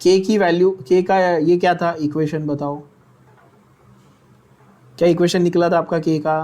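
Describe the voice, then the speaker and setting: A man's voice: high-pitched, little pitch movement, a little mellow. A man with an Indian accent teaching chemistry in a Hindi-English mix, teasing students and checking they follow. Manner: teasing, scolds students playfully; slow, drawn-out explanations with frequent checks.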